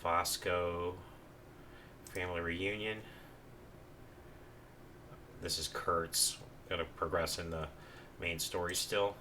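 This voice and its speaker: Low, bright-toned man rambling over gameplay. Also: steady tone, takes it slowly, pauses often, a little hiss or hum. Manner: casual, rambling, with many fillers. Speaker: gameplay commentator. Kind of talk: let's play commentary.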